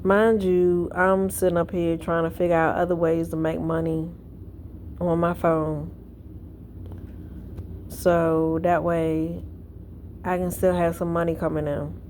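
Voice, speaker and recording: A woman's voice: on the low side, level tone, slow, long pauses, darkish tone, slight background noise. A woman vlogging from home in casual chat, tired and yawning, telling a rambling story. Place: at home indoors.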